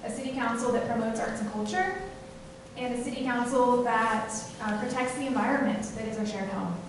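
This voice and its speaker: A woman's voice: on the high side, brisk. A woman from Tennessee running for city council, giving a fluent campaign speech with occasional fillers. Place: meeting room. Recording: echoey room from far off, noisy.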